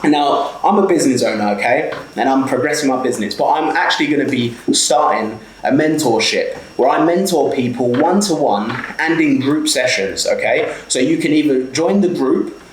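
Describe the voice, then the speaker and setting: With lively intonation, normal speed and few pauses, a medium-pitched South London man in his twenties, a small business owner and mentor, delivers a blunt, sweary motivational talk to camera and often says "okay?". The rough recording is reverberant with slight background noise.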